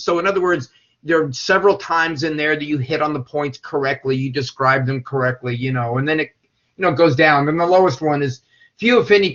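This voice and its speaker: A man's voice: fairly high pitch, a bit bright. A man teaching a class, rambling with many repeated words and checking whether his students follow. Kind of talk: classroom lecture. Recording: dull lo-fi classroom recording.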